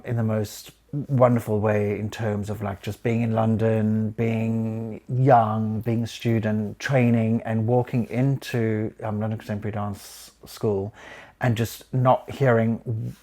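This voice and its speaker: Low-voiced reflective man, halting delivery. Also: flat delivery, mellow. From South Africa. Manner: reflective, halting with frequent ums and restarts. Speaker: choreographer. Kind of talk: recounting his life story.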